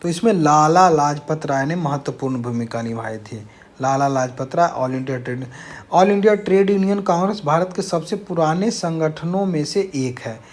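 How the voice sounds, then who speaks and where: At normal speed and with lively intonation, a man on the high side runs an exam-prep lesson, reading questions and explaining answers. His manner is didactic, and he keeps repeating the key phrases.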